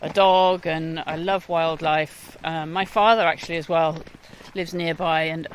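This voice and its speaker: A Welsh woman in her forties, a guest musician, talks thoughtfully and hesitantly during an outdoor interview on a walk, often pausing mid-phrase. Her voice is low and steady, and the low-quality recording carries a slight hiss or hum.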